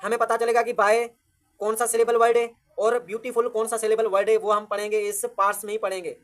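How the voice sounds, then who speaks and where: A woman teaches grammar in a fairly high voice. She works through each point by asking a question and then answering it herself. English definitions come out slowly and with care. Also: level tone. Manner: slow, deliberate reading of English definitions. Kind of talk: classroom-style grammar lesson.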